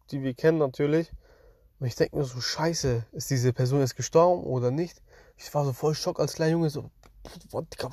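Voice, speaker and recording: A man's voice: on the high side, mellow, dry recording. A young man casually tells his dreams to his viewers, rambling in slang and often addressing them directly, close to the mic. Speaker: streamer.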